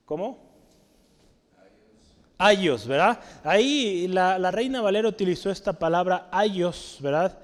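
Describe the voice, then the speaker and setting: Man, high-pitched Bible teacher, stops often to check the room follows, long reverb of a hall. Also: expressive. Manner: asks the audience questions often, tag questions like "¿sale?"; explains word roots slowly, writing on a board. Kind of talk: Bible study teaching to a congregation.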